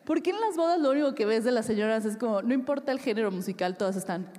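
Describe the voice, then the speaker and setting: A Mexican woman in her thirties works a crowd in a live stand-up set, her voice a little higher than most. She talks in a loose, chatty way, drops casual swear words and laughs along with her own punchlines. The sound rings with a long reverb, and a faint noise sits under it. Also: expressive, fast, mellow. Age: 30s. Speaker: stand-up comedian. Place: comedy stage before a live audience.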